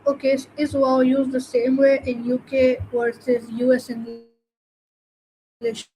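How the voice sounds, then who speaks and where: A woman asking questions in a casual chat, hesitant and halting, with many pauses. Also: sits high, little pitch movement, mellow, a little hiss or hum, low-quality recording.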